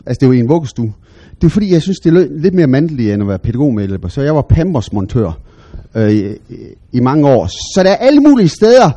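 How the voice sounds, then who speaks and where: A middle-aged man, preaching a sermon as animated storytelling with big, loud bursts when he quotes himself. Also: mid-range voice.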